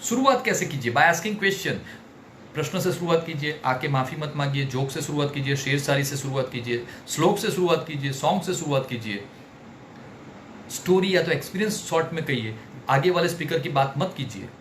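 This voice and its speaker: Trainer guy teaching public speaking, kinda high voice, roomy sound w faint hiss. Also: normal speed. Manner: animated, theatrical, mixes Hindi and English. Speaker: personality development trainer. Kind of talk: online workshop lecture. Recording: roomy with faint background noise.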